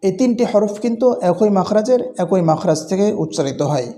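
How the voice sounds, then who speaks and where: Man, high voice, mellow tone, slow deliberate teaching, drawn-out letter sounds. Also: expressive, soft background music. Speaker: Quran recitation teacher. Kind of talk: instructional lesson.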